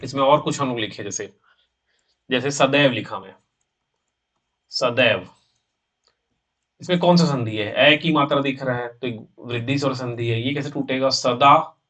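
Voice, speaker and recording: Slow, bright-voiced male teacher drilling words. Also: medium pitch, recorded from a distance. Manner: slow, repetitive, drills words by sounding them out. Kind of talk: exam-prep grammar lecture.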